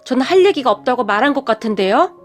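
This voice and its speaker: A woman's voice: high-pitched, animated, fast, faint music behind. A woman voicing a cold, resentful grown son who answers in a clipped, icy way.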